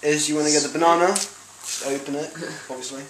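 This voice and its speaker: A man's voice: fairly high pitch, fairly even intonation, a little fast. A man with a Spanish accent, from Spain, giving a casual, giggly cooking demo and correcting himself as he goes. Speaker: home cook presenting a recipe. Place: home kitchen. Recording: echoey room, loud frying noise. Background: sizzling pan and stirring.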